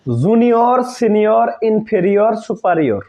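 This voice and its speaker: This man teaches an English grammar lesson, repeating key words and making sure his students are following along. His voice sits high with a sing-song quality, a dark tone, and a moderate pace. The recording sounds dull and lo-fi.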